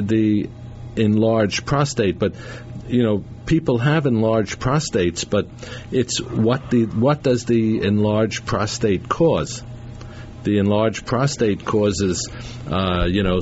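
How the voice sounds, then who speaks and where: A man hosting a radio show, talking in a halting way with many fillers and restarts, taped off the radio. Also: lowish voice, a little mellow. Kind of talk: casual on-air talk with a caller. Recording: lo-fi radio tape with faint hiss.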